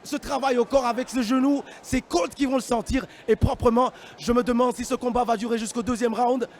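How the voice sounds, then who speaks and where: A man giving live combat sports commentary in an excitable, exclamatory manner. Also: extremely high pitch, fairly quick. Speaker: fight commentator.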